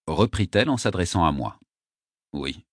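A man reading a first-person novel aloud as an audiobook narrator, measured and dry. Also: deep voice, big pitch swings, no room sound.

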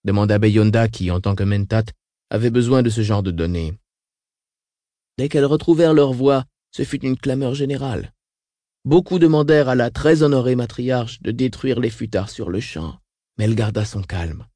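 A man narrating a novel as an audiobook in a measured, even reading. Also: mid-range voice, no echo, clean studio sound. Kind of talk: scripted narration.

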